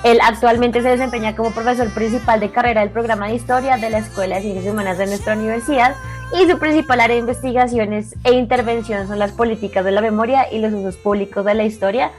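A woman panelist introduces a guest quickly in a fairly high voice. Her delivery is upbeat, with faint music behind it. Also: a little mellow. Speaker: radio panelist. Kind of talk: radio introduction.

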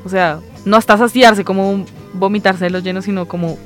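A woman co-hosts a relaxed talk, explaining points at length and circling back with fillers. Her voice sits mid-range. Faint music plays underneath. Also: mid-range voice, moderate pace. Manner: explanatory, rambling with fillers and hedges. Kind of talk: casual literary discussion.

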